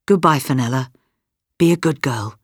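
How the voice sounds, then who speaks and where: A woman voicing a tired, gruff middle-aged father in a storybook reading, in a low voice. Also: moderate pace, no room sound, clean studio sound. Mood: gentle. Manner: curt, then gentle.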